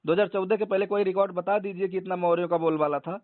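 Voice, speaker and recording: Over a tinny, narrowband phone line, an organisation leader argues insistently with a caller, repeating his points in a heated debate. His voice is high-pitched and steady, he talks fast, and there's no room sound.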